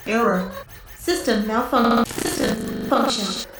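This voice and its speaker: A woman's voice: fairly high pitch, takes it slowly, echoey room, over loud music, voice pushed down, poor audio. A woman voicing an overheating, glitching female robot that stutters out mechanical error warnings. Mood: glitching alarm.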